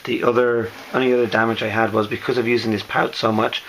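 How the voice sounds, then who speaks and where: A hoarse man who is losing his voice gives a casual, halting show-and-tell as a maker, often correcting himself. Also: mid-range voice, little pitch movement, a bit bright, a little hiss or hum, rough recording. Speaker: costume maker presenting a build.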